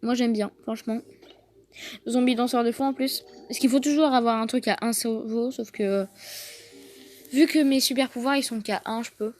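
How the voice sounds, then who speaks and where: A woman giving casual gameplay commentary, excitable and fretful, thinking aloud to her viewers. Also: a little high, normal speed. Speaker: gaming video host. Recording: noticeable background noise.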